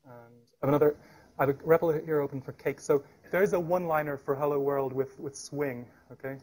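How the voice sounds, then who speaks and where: A man giving a live technical presentation at a meetup, talking fast with frequent restarts and fillers. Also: fairly high pitch, steady tone, a little mellow. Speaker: tech meetup speaker. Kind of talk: live technical talk with demo. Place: meetup room.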